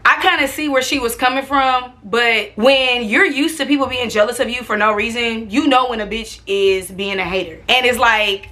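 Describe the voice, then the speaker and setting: Young American woman, forceful bright tone, higher pitch, casual storytime chat, sassy and expressive, slangy, sweary. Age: young adult. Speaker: storytime vlogger.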